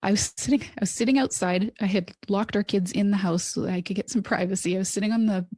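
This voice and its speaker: A woman's voice: mid-range voice, quick pace, dry recording, clean studio sound. A middle-aged woman, a counsellor and adoptive mother, telling her story candidly on a podcast, acting out what people said. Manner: earnest, animated storytelling with quoted dialogue.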